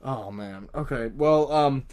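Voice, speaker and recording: A man's voice: mid-range voice, slow, darkish tone, clear, resonant tone. A young man co-hosting a casual podcast, teasing and laughing often as he talks with a friend. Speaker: podcast co-host. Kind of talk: casual chat. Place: home, on a call.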